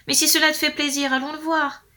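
A woman's voice: high voice, flat delivery, fast, pushed and bright, pitched above the performer's own voice. A woman doing a sly peasant husband. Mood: brisk. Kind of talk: storybook reading.

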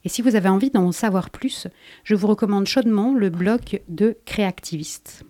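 A woman reading a prepared radio column in a measured, pointed way. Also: medium pitch, mellow.

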